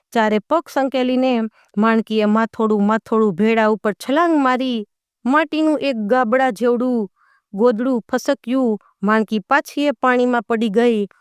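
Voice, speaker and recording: A woman narrating a folk tale with dramatic delivery, slowing and lingering on the tense moments. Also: a little high, clean tone, dry recording, studio quality. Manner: slows and lingers on dramatic lines. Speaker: storyteller.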